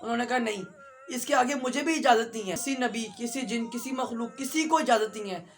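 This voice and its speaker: A man vlogger earnestly retelling a religious story and speaking straight to his viewers. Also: very high-pitched. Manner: earnest, fast storytelling with direct address to viewers.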